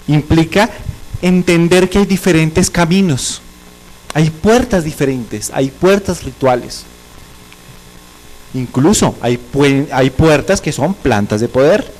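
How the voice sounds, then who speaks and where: A man giving a reflective academic commentary in a seminar, speaking in short, measured, philosophical phrases. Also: on the high side, rough recording. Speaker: discussant in a seminar.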